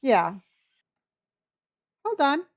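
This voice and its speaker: A woman talks to her viewers very slowly in a high, sing-song voice while gaming on a live stream, chatty and calling them honey. A speech impediment prevents her from pronouncing R sounds.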